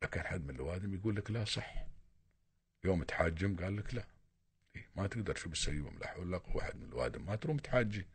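Emirati guy calling into radio, rattles off advice super fast, keeps repeating himself. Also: low voice, lively intonation, breathy edge. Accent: Emirati Arabic. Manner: insistent, lecturing, repeats himself. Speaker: caller.

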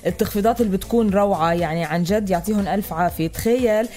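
A woman's voice: medium pitch, rapid-fire, warm tone. A woman with a Lebanese accent co-hosting a morning radio show in an enthusiastic, chatty way. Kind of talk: lively casual radio banter. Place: radio studio. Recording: faint music behind the voice.

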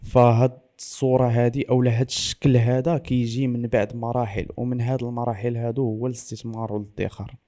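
A man explains things in an interview with a Moroccan Arabic accent. He talks briskly in a mellow, relaxed tone, dropping French and English terms into his sentences. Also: medium pitch. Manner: mixes in French and English loanwords. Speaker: trader interviewed as guest.

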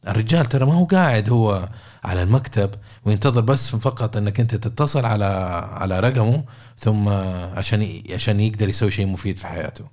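A man's voice: on the low side, lively intonation, fast talker, a little mellow. A man giving a casual coaching talk, repeating words and checking in with listeners by asking questions. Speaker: podcast host and coach.

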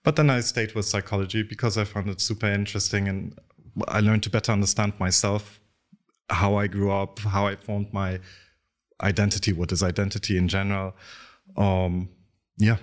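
A man in his thirties with a Dutch accent, a clinical psychologist speaking thoughtfully, with pauses and restarts. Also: on the low side, little pitch movement. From Netherlands, raised in the UAE. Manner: thoughtful, frequent ums and restarts. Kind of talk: interview conversation.

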